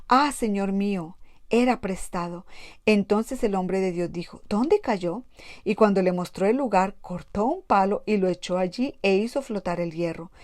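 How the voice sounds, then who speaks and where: Woman, Bible reader, mid pitch, dry close mic, steady plain delivery. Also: no room sound. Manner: plain steady reading with small restarts. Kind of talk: Bible reading aloud.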